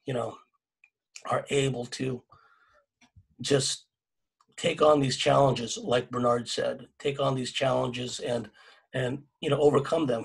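A man's voice: medium pitch, vocal fry, husky, poor audio. A middle-aged man from California speaking earnestly on a video-call panel, restarting phrases often and adding "right?" tags. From California, USA. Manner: earnest and exhorting, many restarts, tag questions. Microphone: webcam mic on video call.

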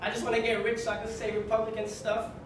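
A man's voice: high voice, fast, noisy background. Young male stand-up from Kenya, wry and conversational; distant, roomy club recording with laughter. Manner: wry, conversational delivery with deadpan punchlines. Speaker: stand-up comedian. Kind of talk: stand-up routine. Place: small comedy club stage. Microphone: handheld mic, filmed from far in the audience. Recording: echoey club from far off with audience laughter.

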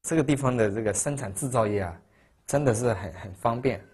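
A man in his thirties from Sichuan, speaking casually and haltingly in an interview in a cluttered workshop. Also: mid-range voice, a little mellow, breathy edge. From Sichuan, China. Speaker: barber and hobby plane builder.

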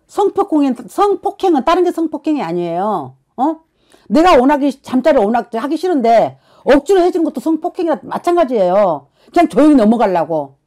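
Woman fortune teller, blunt and scolding, lively high voice, pushes with repeated questions. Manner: forceful, scolding, keeps prodding with "어?". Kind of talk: blunt counseling session.

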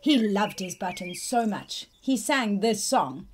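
A woman's voice: medium pitch, expressive, takes it slowly, a little hiss or hum. A woman in her thirties co-hosting a storybook show, reading expressively to young children and putting questions to them. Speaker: co-host reading a children's picture book. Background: music.

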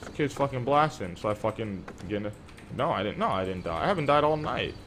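A man's voice: lowish voice, very animated, quick pace, fairly bright tone, slight background noise. A young man streaming an online survival game, chatting casually with teammates; he is sleepy, profane and trash-talking, and he rambles through stories.

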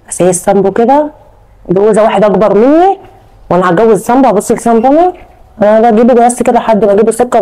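A man's voice: high-pitched, mellow, lightly acted, poor audio. A man voicing a scheming young wife who speaks with an Egyptian accent, coaxing and unbothered while she plots.

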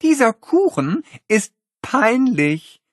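A man's voice: high-pitched, very animated, normal speed, vocal fry, breathy edge, no echo, voice pushed up, full character voice. A man voicing a bored, sarcastic schoolgirl in a storybook reading, with a dry, scornful manner.

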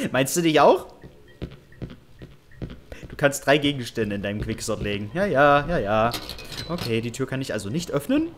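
A man's voice: medium pitch, expressive, moderate pace, long pauses, a little hiss or hum. A man casually commentating a horror game, joking and sarcastic, talking to the game character. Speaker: let's play host.

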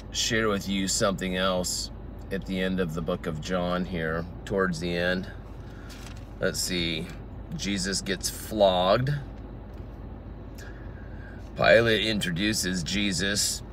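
A man's voice: low voice, fairly bright tone, a little hiss or hum. A man teaching the Bible informally outdoors in a garden, reading scripture aloud and explaining it verse by verse.

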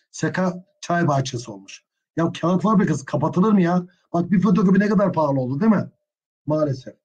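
Husky-voiced man teaching history. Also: on the high side, a little mellow, dull audio. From Turkey. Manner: addresses students as friends, gets openly indignant. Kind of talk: exam prep history lecture.

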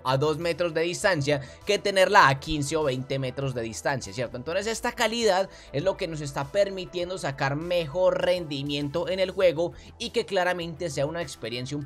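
A young man casually talking viewers through a website from his desk, animated and friendly, calling them family. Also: a little high. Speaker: crypto YouTuber. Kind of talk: casual commentary over screen share. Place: small room at desk.

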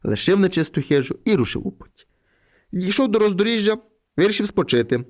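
A man reading a folk fairy tale aloud in an expressive storytelling manner. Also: high-pitched, a little fast.

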